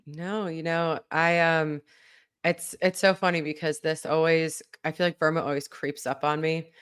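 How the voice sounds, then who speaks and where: A woman with a very low voice co-hosts a podcast. Her voice is smooth and clear, and she talks in a chatty, rambling way with frequent laughs. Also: level tone, moderate pace, a bit bright. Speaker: podcast co-host. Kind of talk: casual chat.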